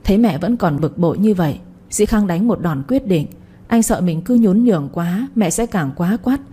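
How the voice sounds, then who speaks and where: Warm husky woman narrating a story. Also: mid-range voice, animated, moderate pace. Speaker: audiobook narrator.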